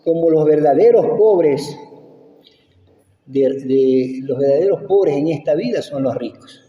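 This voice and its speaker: Male preacher, sermon, emphatic and repetitive, rhetorical questions, fairly high voice, distant mic. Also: expressive, measured pace, lo-fi sound. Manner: emphatic, repeats phrases, asks rhetorical "¿no?". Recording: echoey church hall, from far off.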